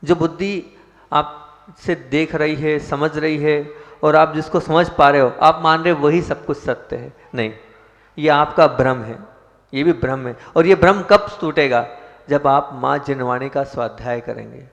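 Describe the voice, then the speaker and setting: A Jain monk giving a sermon, asking rhetorical questions and stressing key points with rising force. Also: male voice, fairly high pitch, a little slow. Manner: opens with sung chanted prayers. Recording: long hall reverb.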